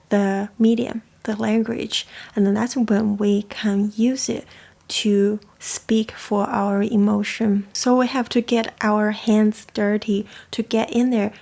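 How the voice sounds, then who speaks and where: With a warm, mid-range voice and some vocal fry, a young woman from China hosts a coffee chat. A native Chinese speaker, she talks in a casual, reflective way.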